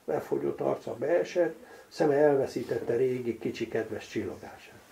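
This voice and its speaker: An older man reads from his own novel in a gravelly, rough-edged voice. His tone is dark and mellow, and he drops dry, wry asides to announce pages and footnotes. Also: mid-range voice, a little hiss or hum. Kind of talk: literary reading aloud.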